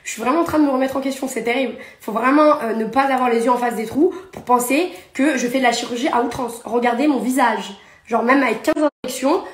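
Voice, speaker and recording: Speaking into a phone at arm's length, this young reality TV personality and influencer vents in a social media story, her high voice indignant, sarcastic and quick with one jab after another. A clear echo rings around her, as if she's in an empty apartment.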